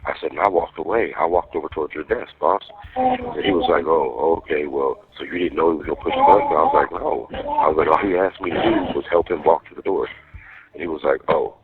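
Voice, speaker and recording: A man with an extremely low, gravel-edged voice talks on a prison phone. His delivery is casual, slangy and profane, like private storytelling, and the muffled lo-fi line dulls his husky voice. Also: big pitch swings, fairly quick. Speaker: jail inmate calling partner.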